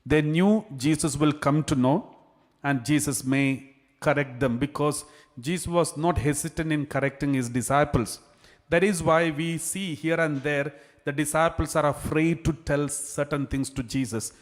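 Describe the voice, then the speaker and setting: Priest with cathedral echo. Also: male voice, fairly high pitch. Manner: measured and earnest, with frequent restarts. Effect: cathedral echo, long church reverb. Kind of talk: gospel reading and homily. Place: large church. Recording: long hall reverb in a church.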